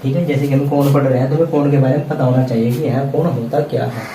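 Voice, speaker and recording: A man's voice: mid-range voice, fairly even intonation, quick pace, noisy background. A male maths teacher giving a blackboard lesson, patiently explaining to students and often checking in with a filler word. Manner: repeats "theek hai" as a check-in filler. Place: classroom at a blackboard. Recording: echoey room, voice from a distance, faint ambience.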